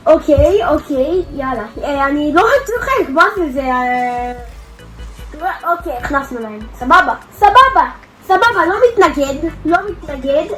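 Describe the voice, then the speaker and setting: A woman giving live gameplay commentary, excitable, shouting out exclamations and repeating words rapidly. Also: high voice, poor audio. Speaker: gaming video creator.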